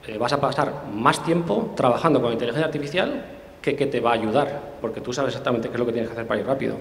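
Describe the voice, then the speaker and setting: In a roomy, long-reverb hall, a tech specialist appears as an interview guest and explains things conversationally. His mid-range voice is darkish with vocal fry, and he speaks thoughtfully, pausing and restarting often.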